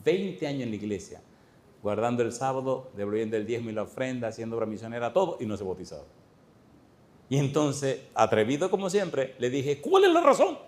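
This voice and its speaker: A middle-aged man preaches a sermon as a pastor, his voice sitting at an average pitch. He tells stories to the congregation and often stops to ask them questions. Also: brisk. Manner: lively storytelling, addressing the congregation with questions. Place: church.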